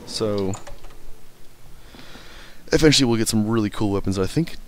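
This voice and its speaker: A man with a lowish, animated voice does casual let's play commentary at a moderate pace. He rambles, swears casually and stumbles over hard words while reading in-game text aloud, with slight background noise.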